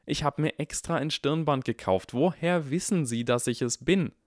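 A man reading an audiobook and voicing a clever, cheeky eleven-year-old boy who talks quickly and pleads and protests. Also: fairly high pitch, no echo, clean studio sound, voice pushed up, close to an everyday voice. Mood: protesting.

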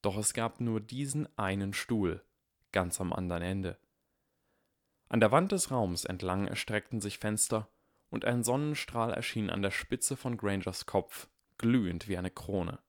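Low-voiced man narrating a storybook. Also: moderate pace, no room sound, studio quality. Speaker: audiobook narrator. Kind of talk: scripted narration.

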